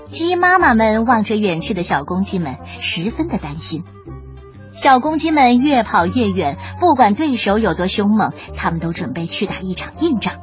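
A woman storyteller reading a children's story aloud in an expressive, animated way. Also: medium pitch, moderate pace. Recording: dull lo-fi with faint music.

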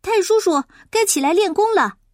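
A woman's voice: very high voice, sing-song, moderate pace, a little mellow, no room sound, clean studio sound, voice pushed up. Woman voicing an eager little boy. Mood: urging. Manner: eager, polite, insistent. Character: earnest hardworking boy of about ten.

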